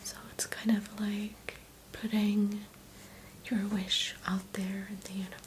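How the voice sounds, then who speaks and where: A woman doing a whispered role-play as a spa massage host, speaking in a soft, soothing, gentle whisper. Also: mid-range voice, little pitch movement, measured pace, a little hiss or hum.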